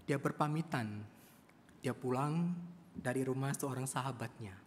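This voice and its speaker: A man's voice: medium pitch, measured pace, slight background noise. A male preacher telling a story in a church sermon, often addressing the congregation. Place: church service. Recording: long church hall reverb.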